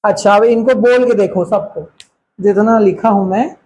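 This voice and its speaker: A man teaching a lesson in a slow, patient way, often checking in with his students. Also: high-pitched, a little mellow, a little hiss or hum, poor audio. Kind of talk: classroom lesson.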